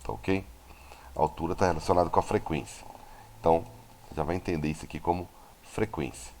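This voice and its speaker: A man's voice: low voice, fairly quick, darkish tone, a little hiss or hum. A Brazilian man teaching a recorded physics lesson. He explains step by step and keeps checking in with his students through short tag questions. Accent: Brazilian Portuguese.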